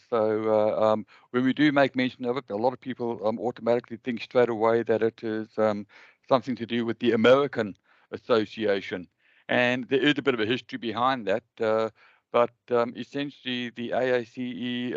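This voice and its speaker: A man's voice: mid-range voice, no echo, muffled recording. A man with a South African accent hosting an online webinar, speaking hesitantly with many ums and uhs. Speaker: webinar host.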